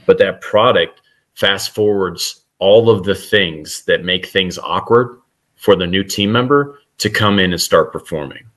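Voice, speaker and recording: A man's voice: low voice, unhurried, a bit bright. A middle-aged man, a guest author, talking earnestly in a casual podcast interview with frequent restarts.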